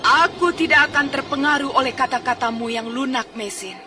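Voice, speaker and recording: A woman's voice: high voice, fairly quick, lightly acted. A woman playing a fierce, vengeful warrior villain in a radio drama, taunting and commanding. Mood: cold menace. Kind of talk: Indonesian radio drama acting. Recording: distant radio drama sound with music.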